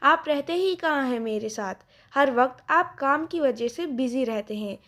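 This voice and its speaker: A stubborn young rich daughter read by a woman narrator talks back and plots. The voice is high and bright. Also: animated, a little slow. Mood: defiant. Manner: defiant, complaining.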